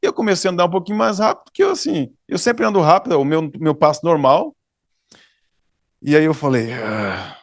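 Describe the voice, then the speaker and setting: Um pastor brasileiro, com sotaque do Brasil, pregando um sermão, contando uma história com animação e dando risadas. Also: male voice, fairly high pitch, fairly quick, no echo, studio quality. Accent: Brazilian Portuguese. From Brazil. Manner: animated storyteller, laughs often, acts out dialogue. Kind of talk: sermon with storytelling. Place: church hall, dry sound.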